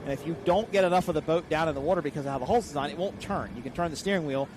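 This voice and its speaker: At an outdoor boat race, an American man delivers live, explanatory commentary in rapid-fire fashion with a slightly high voice. Vehicle and engine noise from outside comes through clearly.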